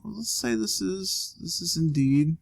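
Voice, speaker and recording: With a high, creaky, expressive voice, this let's play host talks slowly through a geography guessing game. He keeps up casual commentary, thinking aloud and joking as he goes.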